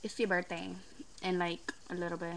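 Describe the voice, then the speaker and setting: A teenage girl making short deadpan replies, chatting at home into a webcam mic. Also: lowish voice, a little fast, background noise. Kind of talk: casual webcam chat. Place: indoors at home.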